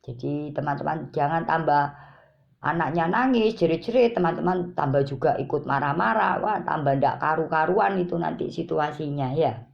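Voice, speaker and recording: Low-voiced woman with a gravelly edge, calmly repeating parenting tips, kinda dull lo-fi sound. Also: moderate pace, a little hiss or hum. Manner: calm, repetitive, speaks directly to viewers. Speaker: parenting advice giver. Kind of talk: informal advice talk to parents. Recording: dull lo-fi recording.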